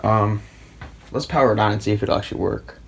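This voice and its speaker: A man hosting a casual tech video, thinking aloud as he unpacks old software and gets an old computer ready. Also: lowish voice, steady tone, quick pace, gravelly, slightly rough. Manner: rambling, hesitant, thinking aloud. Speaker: tech hobbyist host. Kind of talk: casual commentary while unboxing and building a PC. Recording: noisy home recording.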